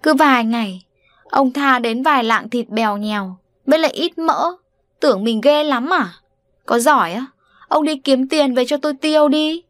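Woman reader doing a loud brassy pregnant village woman, shrill and mocking, super high. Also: lively intonation, normal speed, dry recording. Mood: scolding.

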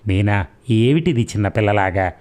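A man reading the part of a caring young man who speaks slowly and softly to comfort his cousin. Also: fairly low pitch, expressive, lightly acted. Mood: gentle.

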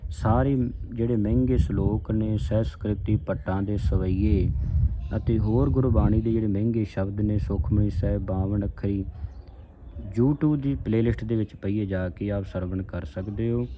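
A man who teaches scripture pronunciation. He recites each line, then slowly repeats single syllables with stress and addresses his listeners respectfully. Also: fairly low pitch, fairly even intonation, highs cut off, noisy background. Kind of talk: slow recitation with spoken pronunciation guidance.

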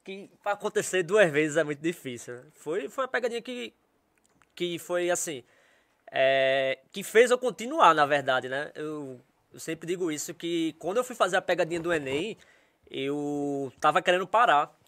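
Animated man telling a story. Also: fairly high pitch, normal speed. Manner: animated, acts out quoted voices, laughs while telling. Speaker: podcast guest, comedian. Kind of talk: casual storytelling.

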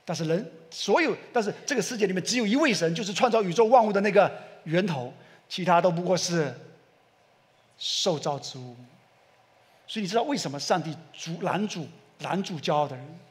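A man's voice: sits high, expressive, brisk. Taiwanese-accented male pastor, reverberant church hall. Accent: Taiwanese Mandarin. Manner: asks the congregation rhetorical questions and leads group scripture reading. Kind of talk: sermon. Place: church sanctuary.

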